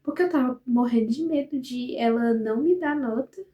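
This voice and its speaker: Young Brazilian woman vlogger, animated storyteller, slightly high voice with a mellow tone. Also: a little fast, roomy sound, lo-fi sound. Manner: chatty, animated retelling with quoted dialogue and frequent tag questions. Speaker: psychology student vlogger. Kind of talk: casual storytelling vlog.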